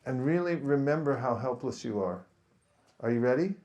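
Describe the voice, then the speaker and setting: A man giving a spiritual talk to a gathering, speaking slowly and deliberately and pausing for his translator. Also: medium pitch, animated, darkish tone, muffled recording. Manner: slow, deliberate, leads group chanting. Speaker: visiting speaker.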